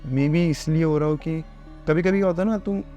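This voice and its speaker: A man's voice: a little high, moderate pace, mellow, muffled recording, faint music behind. A man casually narrating a horror storytime, chatty and conversational, calling the listener bhai.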